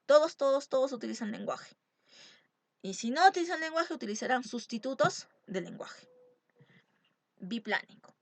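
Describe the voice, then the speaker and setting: A woman's voice: high-pitched, lively intonation, moderate pace, creaky, pauses often, no echo. A woman teacher giving an exam-prep lecture, stressing key terms and asking rhetorical questions. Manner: emphatic, asks rhetorical questions.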